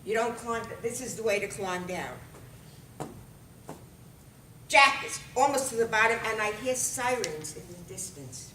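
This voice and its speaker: A woman telling a comic story, animated and lively, with bursts of loud exclamation. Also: medium pitch, moderate pace, a little hiss or hum. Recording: roomy and far from the mic.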